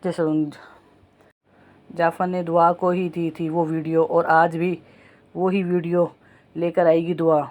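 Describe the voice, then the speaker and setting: A woman's voice: lowish voice, little pitch movement, long pauses, darkish tone. A woman casually recapping a TV drama's plot for viewers, talking to them as friends and often correcting herself mid-sentence. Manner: retells plot at length, addresses viewers as friends, frequent self-corrections. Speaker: TV drama reviewer.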